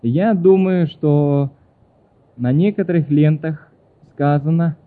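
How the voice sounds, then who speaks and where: A male preacher works through written questions in a sermon, stopping now and then to correct himself and apologize. His voice sits a little high, and the recording sounds thin and phone-like. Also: slow pace. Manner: reads questions aloud and answers them, with frequent apologies and self-corrections.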